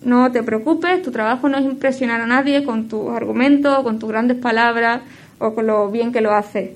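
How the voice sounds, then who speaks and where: A woman delivers a devotional teaching in a slightly high voice. She speaks reflectively and haltingly, with many fillers and self-corrections, and her phrases often fade quieter at the end. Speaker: speaker giving a devotional talk.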